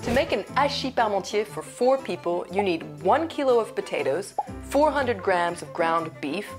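A woman's voice: mid-range voice, expressive, normal speed. A woman hosting a travel food show, reading scripted narration and recipe steps. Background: background music.

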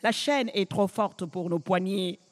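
A man's voice: high-pitched, no echo. An actor playing the haunted, restless ghost of a murdered man in a radio drama, speaking solemnly and telling a story in an incantatory way. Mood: chanting. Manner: slow, solemn, incantatory delivery.

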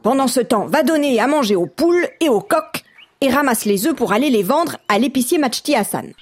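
A woman voicing a busy, scolding old grandmother on a farm, calling out drawn-out orders. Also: sits high, animated, pitched above the performer's own voice. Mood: bossy. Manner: bossy, drawn-out scolding calls.

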